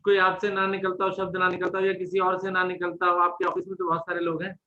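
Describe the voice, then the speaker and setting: A man leads a casual group discussion, encouraging and prompting the others to speak. His voice is high and bright. The audio is muffled and lo-fi. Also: monotone, fast. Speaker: discussion host.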